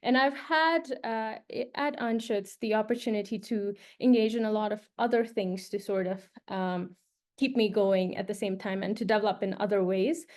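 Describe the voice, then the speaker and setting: At a normal speed and medium pitch, a young Nepali woman speaks in a darkish tone. As a postdoctoral researcher, she gives prospective postdocs a relaxed presentation marked by many fillers and restarts.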